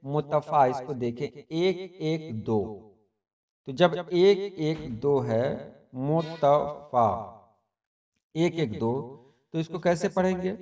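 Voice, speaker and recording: Male teacher, higher voice, patient, repeats metrical feet aloud; recorded a little away from the mic. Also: takes it slowly, darkish tone, distant mic. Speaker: teacher of Urdu poetry meter. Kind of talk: explanatory lesson.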